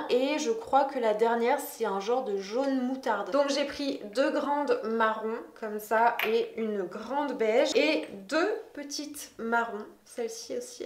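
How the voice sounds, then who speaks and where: A woman's voice: sits high, a little mellow. Chatty woman in an echoey room. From France. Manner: chatty, enthusiastic, lots of hesitations. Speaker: decor vlogger. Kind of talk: casual haul vlog.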